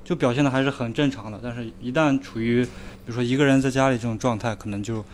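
A man's voice: medium pitch, fairly even intonation, fast, a little hiss or hum. A man hosting a casual podcast chat, reflective and easygoing, asking questions. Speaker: podcast host.

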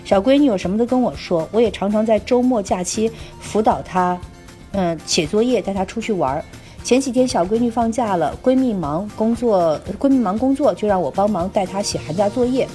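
A woman's voice: medium pitch, animated, a little fast, dark tone, faint music behind. Woman reading a listener letter. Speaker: podcast co-host.

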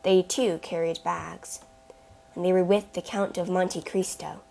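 A woman narrating a chapter book in a slow, deliberate reading voice. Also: on the low side, little pitch movement, vocal fry, dark tone. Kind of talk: storybook narration.

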